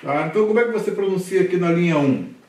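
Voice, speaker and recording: A man's voice: sits high, expressive, fast talker, darkish tone, slight background noise. A Brazilian man teaching a Hebrew literacy class, patiently drilling syllables aloud and checking in with his students. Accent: Brazilian Portuguese. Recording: echoey room recorded from a distance.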